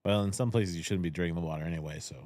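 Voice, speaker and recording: A man's voice: low voice, rapid-fire, darkish tone. A man co-hosting a casual podcast from a cigar lounge, needling the others with dry jokes. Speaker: podcast co-host. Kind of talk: casual banter.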